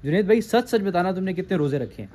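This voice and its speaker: A man's voice: high voice, expressive, fast talker, mellow, a little hiss or hum. A young man vlogging casually, teasing friends and family and laughing often. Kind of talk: casual vlog chat.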